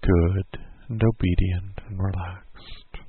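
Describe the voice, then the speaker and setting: A man slowly guiding a listener through a hypnosis induction in a soothing, repetitive way. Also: sits low, flat delivery, slightly rough. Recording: tinny phone-like sound.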